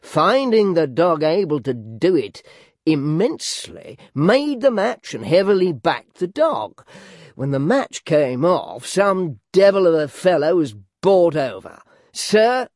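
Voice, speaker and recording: Man voicing a deliberate drawling gentleman, very slow, raised pitch, measured phrases. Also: big pitch swings, no echo, studio quality, exaggerated voice. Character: extremely deliberate gentleman, drawling a dog story.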